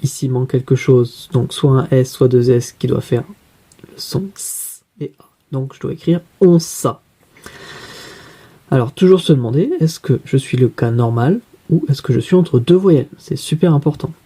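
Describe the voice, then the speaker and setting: Man, teacher, very mellow dark voice, husky, patient step-by-step questions. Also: medium pitch, normal speed. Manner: patient, asks and answers his own questions step by step. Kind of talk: classroom spelling lesson.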